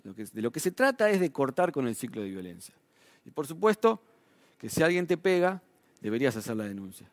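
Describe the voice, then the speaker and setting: A man's voice: medium pitch, very animated, brisk, dry recording. A man preaching a sermon in a Rioplatense Spanish accent, talking in a conversational way with frequent tag questions and his voice rising and falling for emphasis. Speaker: pastor.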